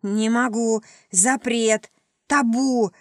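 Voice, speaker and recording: A woman's voice: on the high side, fairly even intonation, extremely slow, no echo, studio quality. A woman voicing a small grey male demon who hisses and wheezes his lines in panicked, pleading bursts in an audiobook. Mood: terrified. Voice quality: hissing, wheezing. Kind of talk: audiobook character voice.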